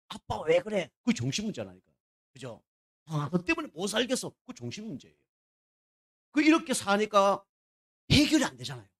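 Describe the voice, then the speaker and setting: A male pastor giving a conversational sermon to his congregation, asking them "right?" again and again and dropping from loud, emphatic bursts to quiet asides. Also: fairly high pitch. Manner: conversational preaching, constant "right?" checks with the congregation. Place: church sanctuary.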